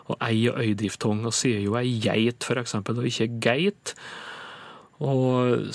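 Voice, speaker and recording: A man as a radio dialect expert, answering listener questions in a measured, explanatory way with frequent pauses. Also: medium pitch, creaky, no echo.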